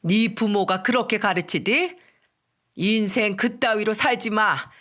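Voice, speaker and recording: A woman's voice: mid-range voice, unhurried. A woman voicing a furious domineering mother-in-law. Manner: shouting, accusing, harsh.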